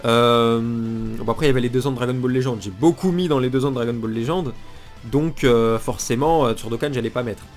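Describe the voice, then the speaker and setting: A man's voice: mid-range voice, fairly quick. A man with a blocked, nasal, congested voice, giving blunt, casual, unscripted gaming commentary. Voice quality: nasal, blocked-nose sound. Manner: blunt, informal griping. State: congested from pollen allergy. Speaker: gaming video creator. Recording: music behind the voice. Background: music.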